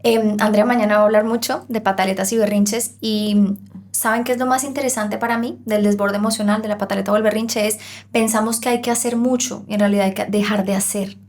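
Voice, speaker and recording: A woman who is a parenting expert, explaining on a podcast in an animated way and acting out the voices of parents and children. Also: medium pitch, brisk.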